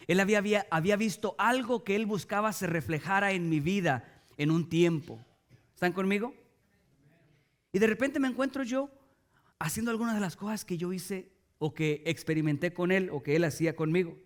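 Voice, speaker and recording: A middle-aged man, preaching a sermon as a pastor and often asking the congregation rhetorical questions. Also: high voice.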